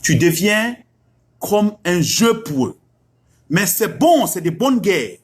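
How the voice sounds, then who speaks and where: A middle-aged preacher speaks. His husky voice sits high and leaps with lively swings of pitch. He drives his point home through repeated rhetorical questions. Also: slow pace. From West Africa. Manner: emphatic, rhetorical questions, repeats lines for effect. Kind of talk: religious exhortation.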